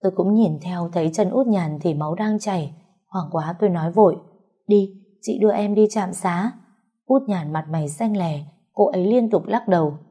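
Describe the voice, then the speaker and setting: A woman tells a family drama in the first person, her voice low and slightly husky. Her tone is mellow and unhurried in narration. She throws herself into the quarrels with heated bursts.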